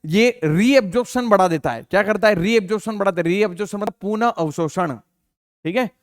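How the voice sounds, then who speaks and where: Guy teaching biology for exam prep, higher voice, keeps asking questions and answering them himself, dry close sound. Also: a little fast, no echo. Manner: asks students questions and answers them himself, repeats terms; calls listeners beta, many fillers like theek hai. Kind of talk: Hindi exam-prep lecture.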